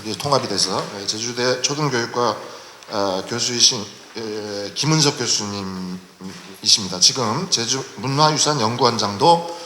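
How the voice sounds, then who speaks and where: A middle-aged man from Jeju moderating a public forum in a formal, halting manner, with many pauses. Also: mid-range voice, pushed and bright. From Jeju, South Korea. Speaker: panel moderator. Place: large lecture hall at a public forum. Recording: echoey hall recording with faint noise.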